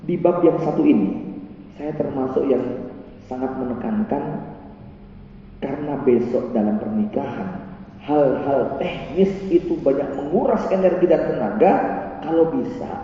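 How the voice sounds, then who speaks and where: A male preacher gives a lively pre-marriage lecture and acts out the voices in his stories. He is recorded from a distance in a big hall with long, heavy reverb. The sound is dull and muffled, with a faint room hum behind him. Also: mid-range voice, normal speed. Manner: animated storytelling, acting out quoted voices.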